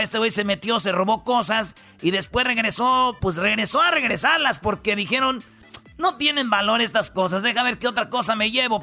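A man's voice: high-pitched, vocal fry, bright, forceful tone. A man with a Mexican accent hosting a comedic news countdown, joking in slangy banter. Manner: joking, slangy banter, drops "güey" often. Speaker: radio show host.

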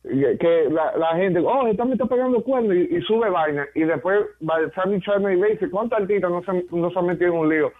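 Tinny-sounding man, brash and high-voiced. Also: fairly quick, few pauses. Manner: brash, animated storyteller with salty slang. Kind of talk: casual radio banter, switching between Spanish and English. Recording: tinny phone-like radio sound.

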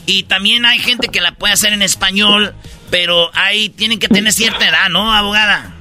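A man's voice: high-pitched, moderate pace, pushed and bright, faint music behind. A man hosting a radio show, joking around and putting on voices when he tells stories. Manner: comic, puts on voices in anecdotes.

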